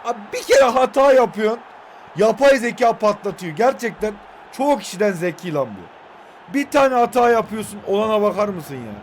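A young man in his twenties narrates his football video game match as it happens. His voice sits very high, and he keeps talking to the players on screen, now and then shouting their names. Faint noise runs under the recording. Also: lively intonation, fairly quick. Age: 20s. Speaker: gaming YouTuber. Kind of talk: excited live gameplay commentary.

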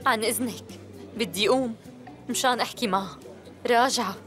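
A distressed young woman played by a woman speaks Syrian Levantine Arabic in a dubbed drama. Her voice is fairly high and quick, with music behind it. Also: lightly acted. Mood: distressed, reproachful. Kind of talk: dubbed television drama dialogue.

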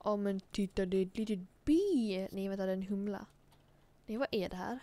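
A woman's voice: mid-range voice, mellow, no echo. A woman giving casual, chatty gameplay commentary, giggling and coaxing the character she controls. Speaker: let's play host.

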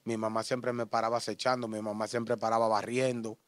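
A man with a Dominican accent giving an interview testimony in street slang, acting out shouts and gunshots as he tells it. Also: fairly low pitch, fairly quick, no echo. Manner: animated, acts out shouts and gunshots.

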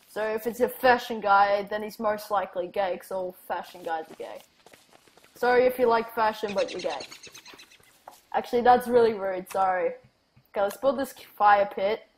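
A woman's voice: mid-range voice, slight background noise, low-quality recording. Rambling woman narrating her gameplay. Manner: rambling, chatty, talks to herself and the game. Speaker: gaming channel host. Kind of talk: casual let's-play commentary.

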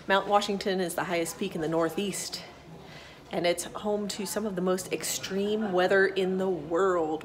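A woman in her thirties vlogging a mountain hike, talking to a phone held at arm's length, chatty and upbeat with wry asides. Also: on the low side. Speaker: thru-hiker vlogger. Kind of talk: casual vlog narration. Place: outdoors on a windy mountain trail and summit. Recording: loud wind noise on the phone mic.

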